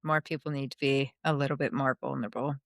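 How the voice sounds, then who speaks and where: Deep-voiced relaxed woman co-host. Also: fast, creaky, no room sound, studio quality. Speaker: podcast co-host. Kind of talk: casual podcast chat.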